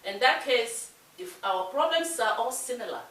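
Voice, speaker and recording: Speaking at a normal speed with lively intonation, this Nigerian-accented woman from Nigeria sounds slightly bright and on the higher side. She's co-hosting a talk show, pressing her views earnestly and emphatically in a relaxed discussion, picked up by a far-off mic in an echoey, faintly hissing room.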